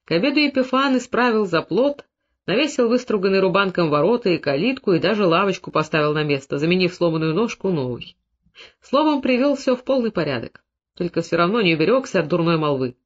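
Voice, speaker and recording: A man narrating an audiobook in a measured, expressive reading. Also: high voice. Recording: dull lo-fi recording.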